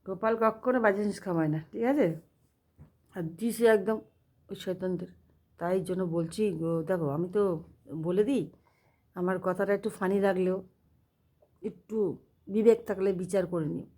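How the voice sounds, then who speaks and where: Woman, comic storyteller, animated and chatty. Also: medium pitch, moderate pace, long pauses. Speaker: cooking channel host. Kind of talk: casual comic monologue.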